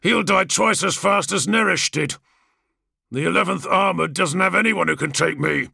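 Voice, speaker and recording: A man's voice: high voice, moderate pace, creaky, slightly rough, no echo, studio quality, pitched above the performer's own voice, exaggerated voice. A man voicing a brash, mocking male superhuman gladiator who taunts with sarcasm. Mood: brash taunting. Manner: taunting, sarcastic, rising to shouts.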